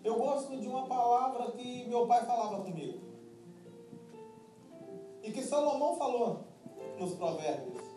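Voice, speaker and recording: A pastor from Minas Gerais preaching a sermon in a Minas Gerais accent, humorous and emphatic, telling stories. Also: male voice, very high-pitched, lively intonation, unhurried, long pauses. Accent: Minas Gerais Brazilian Portuguese. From Minas Gerais, Brazil. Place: church hall before a congregation. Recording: echoey church hall, distant mic, music and congregation.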